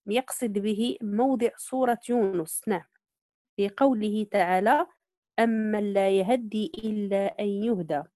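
A woman teaching Quran recitation, patiently explaining readings, slowly modeling words and checking that students follow. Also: mid-range voice, dark tone, dry recording, clean studio sound. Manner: patient, repeats points and checks understanding. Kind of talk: online tajweed lesson.

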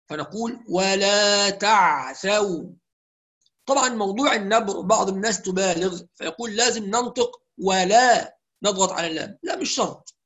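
A man with an Egyptian accent teaching Quran recitation rules, explaining in colloquial speech and reciting examples slowly and carefully. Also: sits high, fairly bright tone. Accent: Egyptian Arabic. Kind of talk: tajweed lesson with recited examples.

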